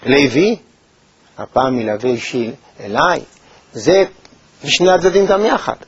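Man giving a measured Torah lesson. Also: medium pitch, sing-song, over a noisy crowd. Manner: measured, thoughtful delivery with pauses and hesitations. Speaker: Torah teacher. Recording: dull, lo-fi recording.

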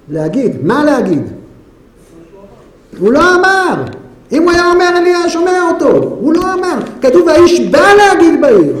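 A man with a very high voice leads a Bible class, dramatic and full of rhetorical questions. His voice rings around a very echoey room. A faint ambient noise sits underneath. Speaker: Torah teacher.

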